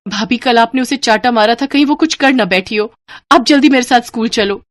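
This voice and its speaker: A woman voicing a kind, caring young newlywed woman in an animated storybook, speaking gently and reassuringly. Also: a little high, brisk, no echo, pitched above the performer's own voice, lightly acted. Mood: urgent.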